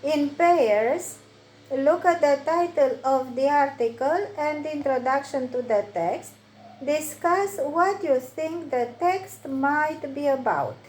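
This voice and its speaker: This high-voiced woman, whose first language is Romanian, sounds animated and a little mellow as she slowly reads English textbook exercises and answers them with careful phrasing. Echo fills the room, along with faint hiss.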